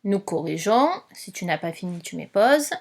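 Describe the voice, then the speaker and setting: A woman teacher giving a slow spelling dictation, patiently spelling out letters one by one. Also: fairly low pitch, big pitch swings, gravelly.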